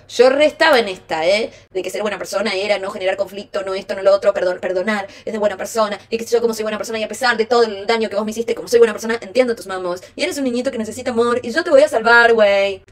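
A young woman with a Rioplatense Spanish accent giving frank, slangy advice to her chat on a casual live stream. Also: mid-range voice.

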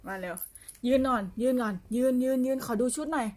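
A woman's voice: on the high side, a little fast, darkish tone. A woman chatting casually on a home live stream, coaxing and baby-talking her pets. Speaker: pet owner streaming live to fans. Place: home condo room.

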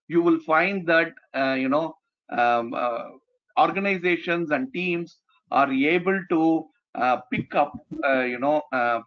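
A man explaining slides as a trainer, haltingly, with frequent "you know" and "right?" tags. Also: fairly high pitch. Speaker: presenter, trainer. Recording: dull, lo-fi online audio.

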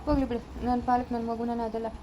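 A woman's voice: a little high, level tone, very fast, warm tone, lo-fi sound, a little hiss or hum. A woman with a rural Kannada accent acting as a mother in a family drama, coaxing and fussing over her baby in a sing-song voice. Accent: rural Kannada, Chikkaballapura area. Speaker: mother character.

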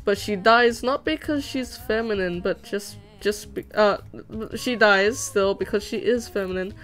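Speaking a little slowly at medium pitch, this young woman has a fairly bright tone. Vietnamese was her first language, and she chats casually at home while animating, rambling with plenty of fillers and restarts.

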